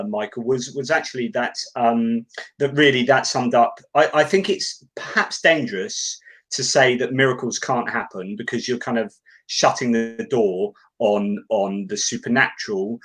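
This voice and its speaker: A man's voice: mid-range voice, a bit bright, husky. A man who presented a talk, discussing it casually online, hesitant and repeating words as he thinks aloud. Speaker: guest presenter.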